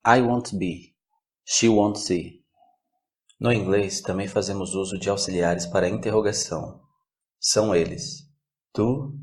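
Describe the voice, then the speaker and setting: Slow, low-voiced male English teacher. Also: darkish tone. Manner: slow, measured explanation with example sentences. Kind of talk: scripted language lesson.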